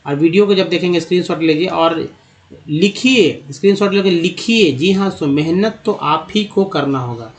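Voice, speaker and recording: A man with a slightly higher voice leads an English phonics lesson. He explains each spelling slowly and patiently, then poses a question to the viewers and answers it himself. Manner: explains step by step, asking and answering his own questions. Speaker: English teacher.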